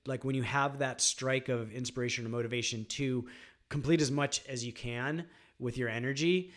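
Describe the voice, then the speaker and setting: A man teaching songwriting on guitar in a casual, rambling way, with frequent fillers. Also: mid-range voice. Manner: relaxed, rambling, many fillers like "um" and "like". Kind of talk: casual instructional talk.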